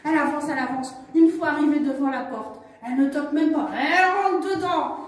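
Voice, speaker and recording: A woman storyteller telling a children's story with animated exclamations. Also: sits high, fairly quick. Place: museum. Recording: echoey room from far off.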